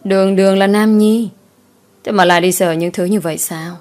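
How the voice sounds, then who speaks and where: A woman playing a calm, cold young lord in a spoken story, curt and commanding and never rattled. His voice is low, with soft music behind. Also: normal speed, close to an everyday voice.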